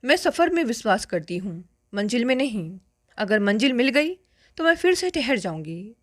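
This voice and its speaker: A woman reading a story aloud and voicing a dreamy, carefree young woman in love, soft, slow and wistful. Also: a little high, big pitch swings, no echo, studio quality. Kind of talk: first-person story narration.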